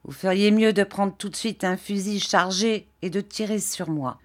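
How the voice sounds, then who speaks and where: A woman voicing a sly, bitter young man who speaks low and resentfully. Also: moderate pace, close to an everyday voice. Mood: sullen. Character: sly, bitter young clerk, cornered and sullen.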